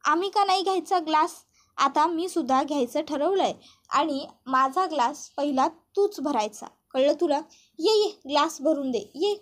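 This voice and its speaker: A woman's voice: high voice, moderate pace, close to an everyday voice. A woman voicing a stern older man, a family elder who gives defiant orders in a TV serial recap. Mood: commanding.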